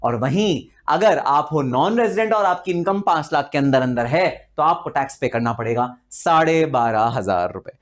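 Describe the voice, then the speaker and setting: An Indian man teaching tax in a live online lecture, chatty and animated, asking rhetorical questions and slipping into dramatic asides. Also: a little high, moderate pace, hardly any pauses.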